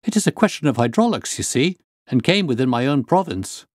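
A man's voice: mid-range voice, sing-song, brisk, no room sound, clean studio sound, pitched above the performer's own voice. A man voicing an agitated, earnest engineer in his twenties for an audiobook story. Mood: earnest, brisk. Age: 20s. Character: agitated young engineer, injured, hearty and earnest. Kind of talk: audiobook character voice.

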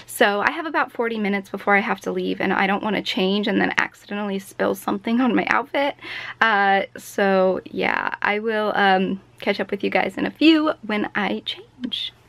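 A woman's voice: medium pitch, normal speed, creaky, a bit bright, no room sound. A young woman chatting casually in a bubbly, gushing vlog style. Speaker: vlogger.

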